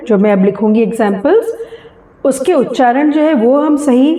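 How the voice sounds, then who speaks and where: A woman with an Indian accent teaching English phonetics, slowly sounding out each example word. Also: a little high, dark tone. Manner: slow, drawn-out sounding of example words. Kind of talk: classroom lesson mixing Hindi and English. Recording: echoey room with long reverb.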